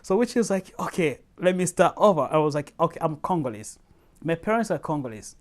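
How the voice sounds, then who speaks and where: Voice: mid-range voice, a little fast. A young adult from Tanzania telling stories in a personal interview, laughing often and acting out dialogue. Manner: lively storyteller, laughs often, acts out quoted dialogue.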